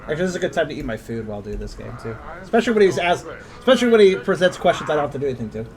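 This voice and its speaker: A man's voice: fairly high pitch, sing-song, very fast, crowd noise. A man chatting casually and informally, with some swearing, while playing an online game with friends. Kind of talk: casual chat while gaming.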